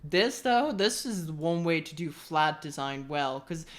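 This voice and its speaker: A woman's voice: sits low, expressive, unhurried. A woman from the UK chatting casually as a tech vlogger, rambling and ranting with opinions and casual swearing.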